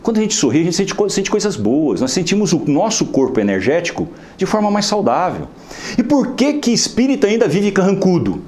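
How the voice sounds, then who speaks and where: A man with a Brazilian Portuguese accent giving an inspirational lecture at a spiritist center, talking in a lively, conversational way full of tag questions. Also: high voice, a little fast. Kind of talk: inspirational lecture with a humorous story.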